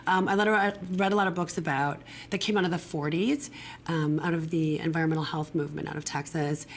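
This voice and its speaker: Low, raspy middle-aged woman with smoker's rasp. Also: fairly even intonation, a little fast, a little hiss or hum. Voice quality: raspy smoker's rasp from damaged vocal cords. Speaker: guest, acupuncturist and integrative medicine doctor. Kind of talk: personal storytelling in an interview. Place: broadcast studio.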